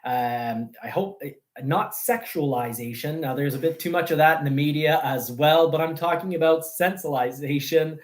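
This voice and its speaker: A French-speaking man hosts a car news show in a casual livestream chat. His voice is fairly high, and he rambles in a halting way.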